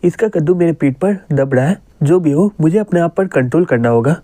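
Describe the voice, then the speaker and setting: A man's voice: a little high, expressive, fairly quick, warm tone, no echo. A man voicing a flustered young man reborn in an elf world, in inner monologue.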